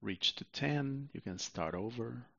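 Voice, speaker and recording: A man narrating a guided sleep meditation like a sleep story, soothing and unhurried, with long pauses, on a muffled recording. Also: mid-range voice, animated, vocal fry, fairly bright tone, no echo.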